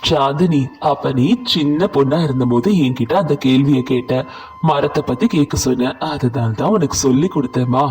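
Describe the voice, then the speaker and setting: A man playing a calm, patient village father. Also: medium pitch, moderate pace, faint music behind, lightly acted. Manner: calm, explaining. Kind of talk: cartoon voice acting.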